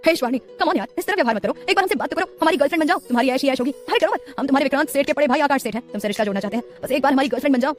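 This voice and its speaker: A smug young man, pushy and leering, full of brash boasts, as a woman narrator puts him on. He speaks quickly, in a fairly high voice, like a character in a storybook. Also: soft background music, natural voice.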